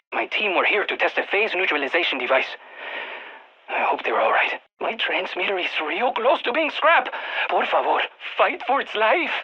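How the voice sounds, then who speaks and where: A male actor plays an anxious, excitable, nerdy field research scientist in a video game, speaking over a radio with lots of expression, stammering, and repeated words. His mid-range voice has a breathy edge and is exaggerated, and the high frequencies are cut off.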